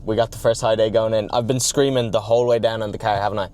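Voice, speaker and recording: A young man talking casually to the camera as a fitness vlogger, chatty and excitable, swearing freely. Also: lowish voice, quick pace, a little hiss or hum. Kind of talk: casual talk-to-camera vlog.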